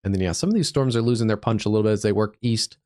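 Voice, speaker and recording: A man hosting a live severe weather stream as a meteorologist, stuffed up from allergies, talking through the radar in an easygoing, halting way with many fillers. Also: on the low side, darkish tone, no echo, studio quality. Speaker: digital meteorologist, livestream host.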